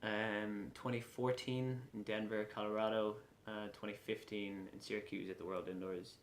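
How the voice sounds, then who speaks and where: A man in his late twenties with a west of Ireland accent, answering casually in an interview with frequent pauses. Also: fairly low pitch, little pitch movement. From Galway, west of Ireland. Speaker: lacrosse player being interviewed. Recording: echoey room with faint background noise.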